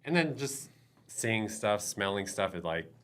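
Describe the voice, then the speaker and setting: Guy with a really low voice, chatting casually on a podcast, lots of likes and trailing off. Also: sing-song, a bit bright. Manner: halting, trailing off with many fillers. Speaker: guest, veteran.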